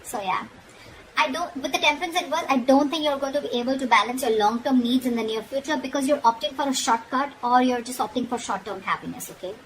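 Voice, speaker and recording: A tarot reader gives a frank, informal reading, addressing the listener directly and checking in often as she admonishes. Her voice sits high and moves fast, in a low-quality recording with noticeable background noise.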